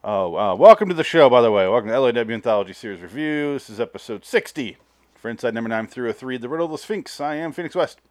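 A young man chats casually as a podcast host, restarting his sentences and swearing freely. His voice sits at an ordinary pitch, and the sound is dry and close. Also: lively intonation, fast, dry recording. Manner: loose, swearing, frequent restarts. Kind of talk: casual chat.

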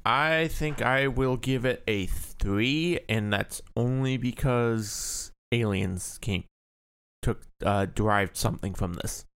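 Slow-spoken man with smooth voice. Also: medium pitch, a bit bright. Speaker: film review show panelist. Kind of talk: casual film review chat.

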